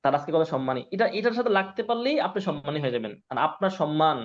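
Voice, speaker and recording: A male Quran teacher from Bangladesh runs a class lesson, drilling each syllable and asking again and again if everyone understands. His voice sits fairly high for a man. The recording is dull and lo-fi. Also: sing-song, rapid-fire. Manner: drills syllables, keeps asking if students follow. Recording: dull lo-fi sound.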